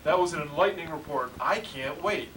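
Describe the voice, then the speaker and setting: Man acting parody news anchor, higher-pitched male voice, earnest, bumbling, stammering, clear background noise. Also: lightly acted. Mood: earnest, halting. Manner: halting, stammering questions. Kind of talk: parody news anchor, amateur spoof newscast. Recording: distant mic, clear background noise, clicks.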